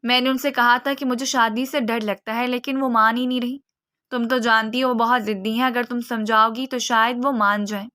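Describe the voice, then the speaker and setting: Woman reads a timid, tearful young bride in a storybook, pleading, bright voice. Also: on the high side, fairly even intonation, no room sound.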